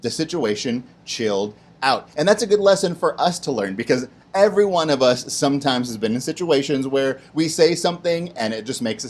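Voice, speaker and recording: A man hosting a kids' Bible lesson who tells the story in a lively, casual way and slips into voices for its characters. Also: medium pitch. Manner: animated, plays voices in his stories, casual slang. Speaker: children's ministry host.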